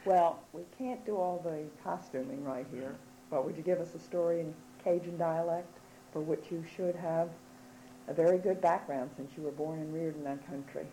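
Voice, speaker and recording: A woman's voice: low-pitched, fairly even intonation, moderate pace, dark tone, slight background noise, rough recording. A woman interviewing a relative, fondly recalling a family event as she sets up her question. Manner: fond, reminiscing storytelling. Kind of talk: casual chat.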